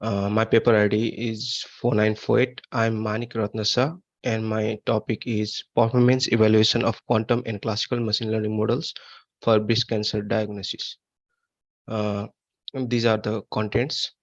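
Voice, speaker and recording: A man's voice: fairly low pitch, flat delivery. Man presenting a paper online. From Nepal. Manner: halting, many "uh" fillers and restarts. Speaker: conference presenter. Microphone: computer mic on a video call. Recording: dull lo-fi online call audio.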